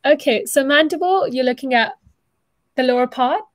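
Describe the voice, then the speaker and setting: Her voice high and her pace moderate, a young woman leads an informal online dental anatomy session as a student presenter on a video call. Speaking from a small room at home in a dry recording, she stays chatty and encouraging, often rewording as she explains.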